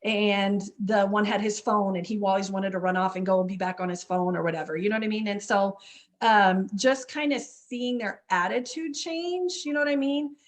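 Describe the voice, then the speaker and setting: A woman's voice: mid-range voice, moderate pace. A woman run club coach telling a story in a casual interview, chatty, full of fillers and "you know what I mean".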